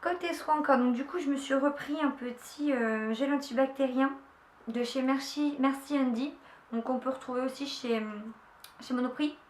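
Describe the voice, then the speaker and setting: A woman's voice: high voice, normal speed. Young woman rambling happily about her haul, lots of um and restarts, roomy echo, faint hum behind. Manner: chatty, enthusiastic, many fillers and restarts. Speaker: beauty vlogger. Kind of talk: casual haul video chat. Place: room at home. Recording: echoey room, faint ambience.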